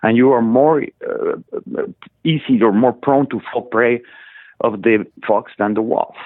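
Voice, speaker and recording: A male guest in a political talk show conversation, speaking in measured, emphatic phrases. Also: medium pitch, dry recording. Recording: tinny phone line.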